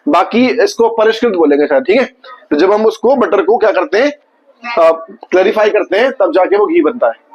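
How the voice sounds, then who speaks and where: A male teacher giving a classroom vocabulary lesson, quizzing his students and slowly repeating each word. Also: high-pitched, expressive, dull audio.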